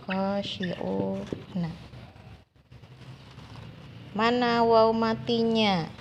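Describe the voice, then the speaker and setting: A woman's voice: medium pitch, vocal fry, a little mellow, a little hiss or hum. An Indonesian woman teaching a lesson on Quranic long vowels, patiently repeating each example and drawing out the long sounds.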